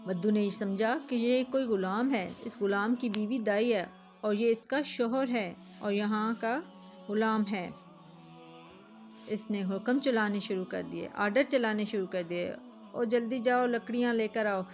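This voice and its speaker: A woman narrating a moral religious story in an earnest tone, speaking directly to her viewers. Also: medium pitch. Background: faint music.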